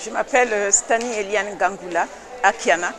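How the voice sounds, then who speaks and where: Earnest woman in a crowd. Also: medium pitch. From Republic of the Congo. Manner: earnest and insistent, with hesitant pauses. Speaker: association president. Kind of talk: interview answers.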